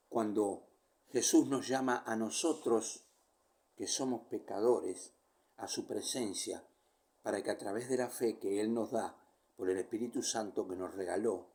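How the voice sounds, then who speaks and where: A man preaching a sermon, reading scripture verse by verse and explaining it, his voice swinging from loud calls down to near whispers. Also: lowish voice.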